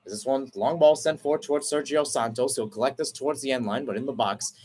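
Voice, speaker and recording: This radio soccer commentator has a darkish, slightly rough voice and keeps a brisk, flowing call through the passing play. He corrects himself, explains tactics between plays and rises sharply in pitch on scoring chances.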